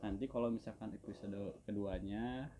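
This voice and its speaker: Male co-host, low register, loose rambling casual delivery, faint room ambience. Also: moderate pace, noisy background. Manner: relaxed, rambling, frequent fillers and hums. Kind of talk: casual chat.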